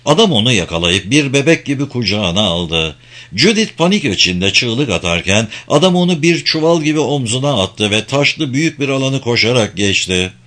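Lively dramatic male audiobook narrator. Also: mid-range voice, moderate pace. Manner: dramatic storytelling.

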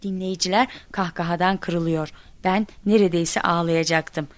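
A woman telling a comic first-person story in expressive narration, acting out shouts and cries. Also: on the low side, a little slow, dry recording. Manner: lively, acts out quoted shouts.

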